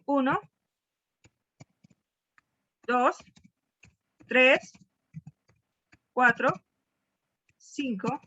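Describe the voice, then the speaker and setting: Bright-voiced teacher, lo-fi. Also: female voice, high-pitched. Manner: questions students, repeats key words. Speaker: math teacher. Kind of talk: classroom teaching. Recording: dull lo-fi class recording.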